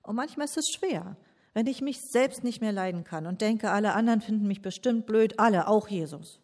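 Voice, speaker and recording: A woman's voice: mid-range voice, brisk, a little mellow. A woman preaching a sermon to young people, talking personally and addressing listeners directly.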